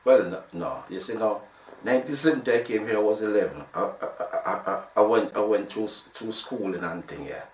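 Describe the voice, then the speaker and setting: Heard through a distant mic in a roomy room, a sixty-something Jamaican man speaks fairly quickly in a voice on the low side. A sound system founder with a Jamaican accent, he rambles through his story in casual interview talk, restarting again and again.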